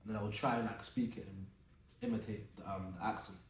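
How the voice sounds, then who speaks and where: A young man as a podcast co-host, rattling along fast with "like" in every phrase. His voice is low-pitched. He is heard from afar in an echoey room. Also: steady tone, slight background noise. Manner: rapid, filler-heavy with constant "like". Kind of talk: casual podcast chat. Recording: roomy sound from a distant mic.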